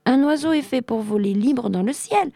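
Woman doing an excited young kitchen boy. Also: high-pitched, a little slow, no room sound, studio quality, voice pushed up. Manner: excited, breathless exclaiming. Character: young kitchen boy, eager and kind-hearted.

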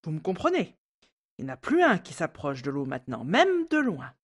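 A grumbling, anxious housemaid in an audio drama. Her voice sits rather low but swings widely in pitch, rising sharply when she frets. She complains with many hesitations. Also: huge pitch swings, brisk, full character voice.

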